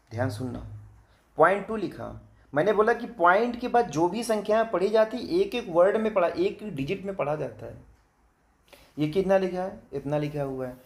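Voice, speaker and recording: Man, math teacher, gravelly voice, a bit high, patient, repeats himself, spells out digits slowly. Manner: patient, repeats points and asks if it is understood; reads digits slowly one by one. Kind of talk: classroom lesson to children.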